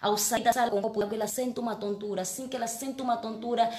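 An Angolan actress tells a story in a casual live-stream chat, earnest and emotional, often restarting her words. Her voice is fairly high and steady, a little mellow, with a quick pace and reverberant sound.

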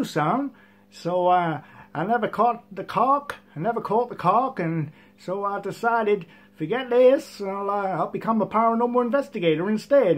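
A man playing an earnest ghost hunter in a parody news interview, rambling, hesitant and repeating himself. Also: high voice. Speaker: paranormal investigator guest. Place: TV studio couch.

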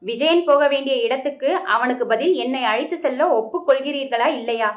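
A woman's voice: sits high, fairly quick, lo-fi sound, close to an everyday voice. A woman reading a menacing male schemer. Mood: stern, menacing. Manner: stern and threatening. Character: scheming menacing male kidnapper, grown man.

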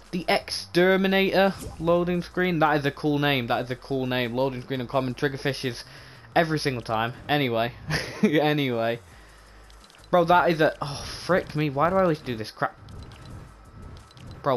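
A man giving casual, rambling commentary on game items, often repeating himself, with a voice going hoarse. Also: on the high side. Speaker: gaming channel host.

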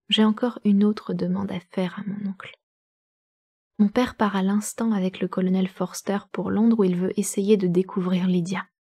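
A woman reading aloud the letter of a distressed young woman, in a measured, sorrowful way. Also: mid-range voice, a little mellow, breathy edge, dry recording.

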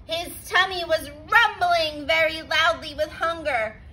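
A woman teacher reading a children's story aloud, expressive and stopping to explain words for kids. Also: very high voice, a little slow, crowd noise, rough recording.

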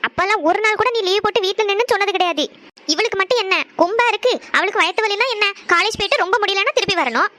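A woman voicing an indignant younger schoolgirl sister who complains loudly. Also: very high voice, very fast, no room sound. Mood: complaining. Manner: whiny, complaining.

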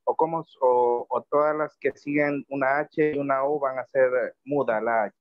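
A man's voice: mid-range voice, fairly even intonation, normal speed, dry recording, narrow, tinny audio. Hesitant male student on a call. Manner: hesitant, with frequent "eh" fillers. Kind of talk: asking a question in an online class. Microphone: video call.

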